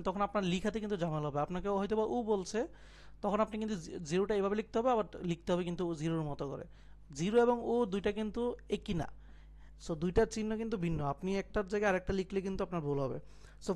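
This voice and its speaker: The speaker is a young man whose voice sits high and sounds a little mellow. As an IELTS tutor giving a live online lecture on listening, he explains step by step, drops in English terms, and confirms his students are following.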